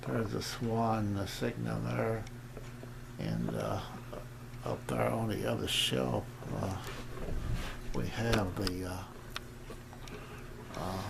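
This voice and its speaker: Speaking slowly in a lowish, creaky voice that's still animated, a man pauses often while giving a casual amateur radio demonstration. It's a noisy home video from his indoor radio shack, and his hesitant, plain-spoken talk to camera meanders and rambles.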